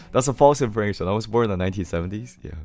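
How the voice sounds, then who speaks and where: Young guy from korea on a livestream, really low voice, hoarse, laid-back and reading chat with soft music behind. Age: 20s. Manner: laid-back, greets viewers one by one, laughs often. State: hoarse from singing too loud. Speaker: live streamer. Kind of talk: casual live stream chat, reading viewer messages aloud. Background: his favorite song playing softly.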